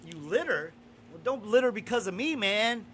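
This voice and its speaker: A man's voice: high voice, lively intonation, moderate pace, fairly bright tone, a little hiss or hum. A man hosting a casual podcast, talking in a blunt, profane, opinionated way. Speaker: podcast host.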